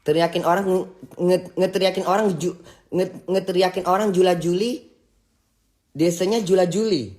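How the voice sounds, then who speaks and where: A woman's voice: lowish voice, fairly even intonation, mellow. A woman, hosting a livestream and ranting casually in a scolding way, stumbling and restarting her words often. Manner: halting and scolding, with many restarts. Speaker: livestream host.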